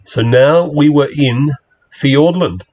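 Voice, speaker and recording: A man giving a rambling, relaxed slide-show talk to a club, with plenty of fillers as he steps through his pictures. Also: on the high side, slow, muffled recording. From Australia. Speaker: club presenter.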